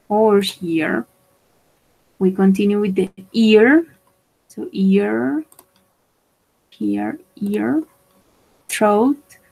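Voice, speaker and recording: Slow, careful woman teaching English. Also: medium pitch, vocal fry, a little mellow, slightly rough, rough recording. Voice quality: slow, careful explaining with repetition. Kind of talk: bilingual online English lesson.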